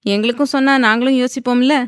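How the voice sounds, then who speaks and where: A woman's voice: fairly high pitch, steady tone, quick pace, clear, resonant tone, no echo, clean studio sound, voice pushed up, close to an everyday voice. A woman voicing a cheerful household helper who coaxes the heroine affectionately. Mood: coaxing.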